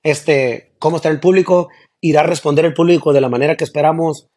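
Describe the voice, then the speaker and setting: A singer chatting as a guest in an interview, relaxed and laughing easily, with slangy talk. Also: male voice, on the high side, fast talker. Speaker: singer of a regional band, guest. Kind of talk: casual interview chat.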